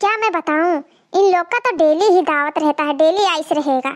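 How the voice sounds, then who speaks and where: A woman plays a young, newly married daughter-in-law in a cartoon, flustered and fed up. Her voice is very high, almost childlike, and she fusses and complains as she talks to viewers. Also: moderate pace. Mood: fretful. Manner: fretful, exasperated, talks to viewers. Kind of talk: cartoon comedy voice acting.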